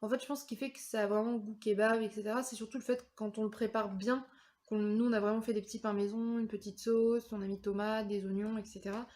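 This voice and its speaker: A woman's voice: mid-range voice, little pitch movement, fast talker, darkish tone. A woman in her thirties from France, chatting casually through a product review vlog with many fillers and hesitations. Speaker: vlogger.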